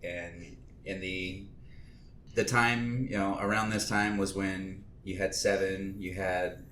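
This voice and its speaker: A man's voice: flat delivery, slow, a bit bright. A man hosting a casual podcast, telling rambling, laid-back stories with the odd swear word. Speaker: podcast host. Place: home kitchen studio. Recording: echoey room with faint rumble.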